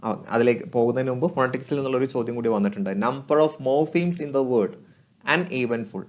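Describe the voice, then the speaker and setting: A male coaching teacher works through exam questions in a measured, patient way. He reads each English question slowly, then explains it plainly, repeating the answer with a friendly tag. His voice sits close to the mic as a voice-over. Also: mid-range voice. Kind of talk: exam question walkthrough lesson.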